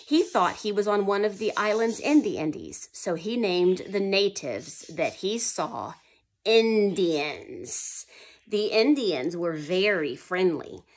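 A mid-range voice with lively intonation belongs to a woman reading history slowly to young children. She stops to ask the kids questions, then answers them herself, and she whispers for the suspenseful bits.

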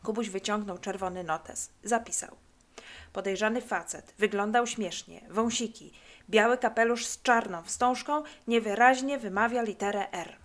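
A woman narrating a children's book in a lively, expressive way. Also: medium pitch, moderate pace. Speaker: audiobook reader.

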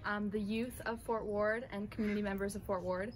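A woman's voice: medium pitch, steady tone, fairly quick, slight background noise. A young woman introducing herself outdoors, hesitant with fillers. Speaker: youth advisory board member. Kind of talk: casual self-introduction. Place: outdoors by a brick wall.

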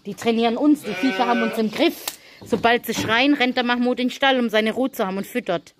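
A woman's voice: a little high, a little fast, a little hiss or hum. A middle-aged woman from Germany, chatting casually as a vlogger in a farmyard and slipping into simple English. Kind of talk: casual vlog chat. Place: farmyard with animal pens.

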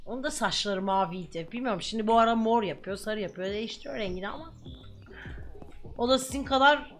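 A young woman commentating while she plays a game, chatting to herself and breaking into loud swearing shouts. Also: on the high side, a little fast, soft background music. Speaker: gaming streamer.

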